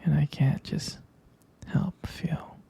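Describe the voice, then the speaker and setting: Whispering breathily and huskily, this man voices an adoring, devoted boyfriend in an intimate ASMR roleplay, dwelling dotingly on each word. His delivery is slow, mellow and natural.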